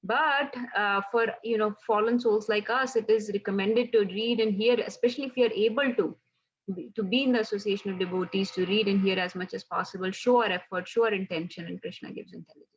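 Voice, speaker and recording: A woman's voice: mid-range voice, fairly even intonation, brisk, slightly rough, dull audio. A woman leading a casual devotional scripture class, talking conversationally and often checking in with "right?".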